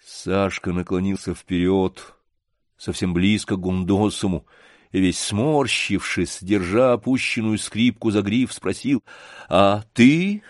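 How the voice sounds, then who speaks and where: A man narrating a story in a measured, expressive audiobook reading. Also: sits low, no echo, clean studio sound.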